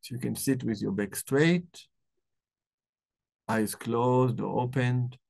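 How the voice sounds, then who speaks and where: A man hosting a live book club, talking about the book and then slowly leading a guided meditation in a soft, calm voice. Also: medium pitch, gravelly. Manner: slow, soft-spoken guiding voice. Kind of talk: live talk.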